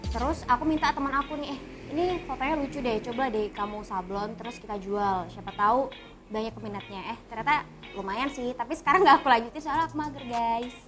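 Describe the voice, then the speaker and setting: A woman's voice: on the high side, fast. A young woman in her early twenties, a student, answering interview questions in a chatty, casual way. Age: 21-ish, early 20s. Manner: chatty, often adds "guys". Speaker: student and café worker interviewee. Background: background music.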